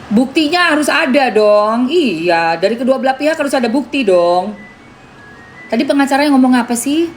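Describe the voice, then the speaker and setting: A woman's voice: sits high, lively intonation, normal speed, slight background noise. Indignant woman streamer. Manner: talks to viewers by name, argues indignantly; calls herself [name]. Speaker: live streamer. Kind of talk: casual live-stream commentary.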